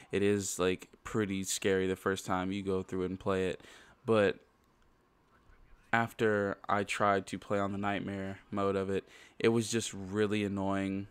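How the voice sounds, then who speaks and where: A man's voice: fairly low pitch, no echo. A man with a congested nose giving a casual, rambling game review full of "like" and restarts, ranting about what let him down. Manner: rambling, ranting, heavy use of "like".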